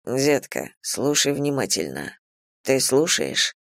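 A woman reader voicing a dominant, teasing man in an erotic romance audiobook, speaking low, slow and hushed. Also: very animated, gravelly, no echo, clean studio sound, exaggerated voice. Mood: teasing, commanding.

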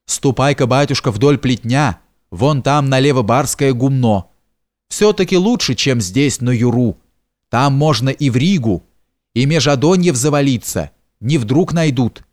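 Male narrator doing an old house steward: homely, coaxing, unhurried, mid-range voice. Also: medium pitch, animated, darkish tone, close to an everyday voice. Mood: fretting. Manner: homely folksy speech, slow and soothing. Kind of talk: audiobook character reading.

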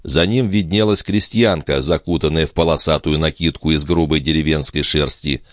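A man narrating a classic novel as an audiobook in a dramatic, measured way. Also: very deep voice, steady tone, dry recording, studio quality.

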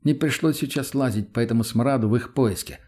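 A man's voice: medium pitch, fairly quick, dark tone. Man reading a first-person audiobook. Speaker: audiobook narrator.

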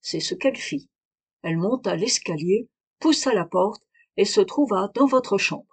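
A woman reading a calm, measured detective. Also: medium pitch, slightly rough. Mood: explaining. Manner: measured, explanatory. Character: calm, sharp male detective explaining a deduction.

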